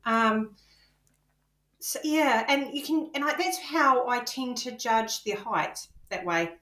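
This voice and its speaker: A woman's voice: fairly high pitch, fairly bright tone. A British woman co-hosting a podcast, chatting casually about spiritual experiences, with frequent ums and easy laughter. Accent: British English. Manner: laughs easily, halting with many ums. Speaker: podcast co-host. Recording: echoey, boxy room sound.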